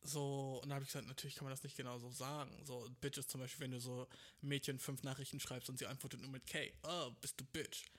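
A young man hosts a podcast, delivering a rambling comic monologue packed with slang and English swear words and laughing at his own jokes. His voice is medium-pitched and level in tone, and he talks fast.

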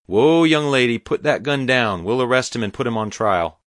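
A tense male deputy coaxing and pleading, his voice raised a little above the reader's deep tone, read by a man. Dry, close recording. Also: very animated, fast talker, fairly bright tone, dry recording. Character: anxious male deputies, placating.

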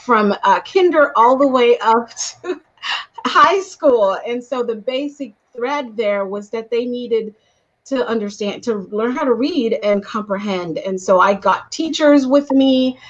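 Animated Guyanese-born woman coach, lo-fi call. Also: on the high side, a little slow. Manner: animated storytelling with laughs. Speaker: guest, coach and motivational speaker. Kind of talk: conversational interview answers.

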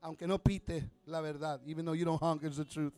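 A man preaching a sermon line by line with interpretation, impassioned and building to shouts. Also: a little high, flat delivery, moderate pace, soft background music.

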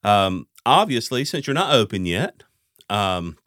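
Low-voiced man hosting a podcast. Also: big pitch swings, measured pace, a bit bright, no room sound, clean studio sound. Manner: conversational, lots of fillers and restarts. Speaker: podcast host. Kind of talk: casual interview chat.

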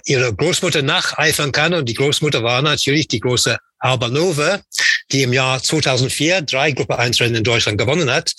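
A man gives horse-racing analysis in German with an English accent. His voice is bright and forceful with a husky edge, recorded dry and close, as a tipster on a podcast panel. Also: mid-range voice, no echo. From England.

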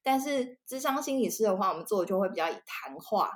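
Taiwanese woman guest on a podcast, mid pitch, explaining stuff casually. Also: expressive, fast talker. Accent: Taiwanese Mandarin. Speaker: podcast guest, counseling psychologist. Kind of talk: casual explanatory interview chat.

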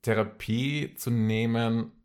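A man's voice: medium pitch, steady tone, slow, darkish tone, smooth. A man with an Austrian accent talking casually and personally as an interview guest, repeating phrases for emphasis.

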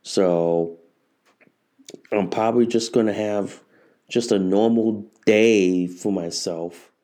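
A man in his forties hosts a casual solo podcast in a fairly low, mellow voice with a steady tone, taking his time. He rambles and repeats himself, often restarting phrases.

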